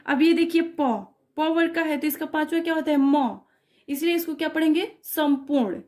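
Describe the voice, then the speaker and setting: A woman's voice: sits high, steady tone, moderate pace, a little mellow. A woman teaching a grammar lesson for exam students, patiently explaining step by step and checking that the class follows. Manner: patient, repeats checks like "clear?" and "okay".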